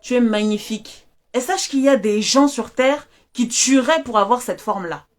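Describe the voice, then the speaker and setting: A woman hosting a live stream as a self-confidence coach, talking in an animated, emphatic way, repeating phrases and asking viewers questions. She speaks through a mask. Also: fairly high pitch, normal speed. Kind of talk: motivational live-stream talk. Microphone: wearing a mask while speaking.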